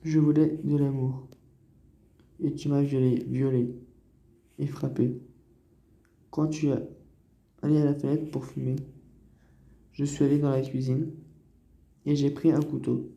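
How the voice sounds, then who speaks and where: A man voicing a troubled young woman who kills, reading her dialogue slowly and quietly. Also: medium pitch, flat delivery, vocal fry, highs cut off. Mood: bitter. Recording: roomy echo.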